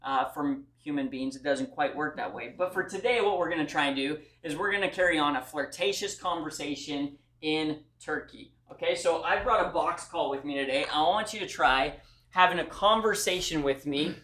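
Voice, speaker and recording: With a fairly high, sharp-toned voice at normal speed, a male student gives his class presentation in an echoey room. He comes across as folksy and earnest, speaking straight to the audience.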